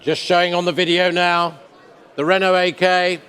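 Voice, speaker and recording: A man with a slightly high voice presents auction lots in measured, descriptive phrases. The sound carries the long reverb of a large indoor hall. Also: flat delivery, a bit bright, smooth. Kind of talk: semi-scripted lot presentation commentary.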